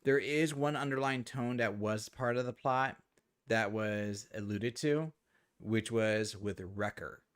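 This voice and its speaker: A man's voice: on the low side, a little slow, smooth. A man hosting a casual watch-party chat, easygoing, leading the talk and asking others for their ratings. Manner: easygoing, leads the discussion and asks for ratings. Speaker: host.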